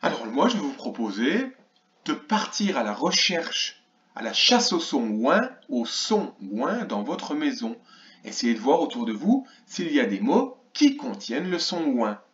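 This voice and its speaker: A man teaching a reading lesson to young children, stretching out each sound and syllable with exaggerated care. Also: medium pitch. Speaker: primary school teacher. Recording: roomy, slightly dull recording.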